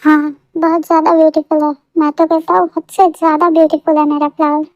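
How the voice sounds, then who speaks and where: A woman's voice: sits high, little pitch movement, a little fast, a little mellow, no echo, close to an everyday voice. A woman voicing a teasing mafia boss husband. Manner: playful, flirty, boastful. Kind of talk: fan audio story. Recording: dull lo-fi dry recording.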